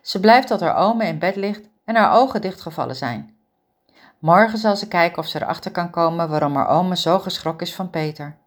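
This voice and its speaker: A woman reading a romance story aloud as narrator in a calm, steady manner. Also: on the low side, a little fast.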